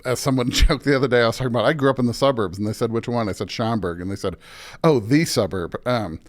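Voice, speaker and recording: Talking fast in a mid-range voice, this Midwestern interview guest from the Illinois suburbs is middle-aged and relaxed. He rambles through stories and keeps saying "like."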